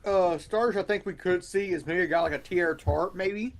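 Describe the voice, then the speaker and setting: A man's voice: sits high, moderate pace. A man appearing as a guest on a casual sports podcast, speaking hesitantly and full of "um" and "maybe". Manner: hesitant, many fillers and maybes.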